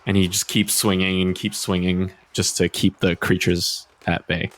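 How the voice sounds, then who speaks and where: A man's voice: low-pitched, little pitch movement, moderate pace. A man playing a tabletop game, steadily describing his character's actions. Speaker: player.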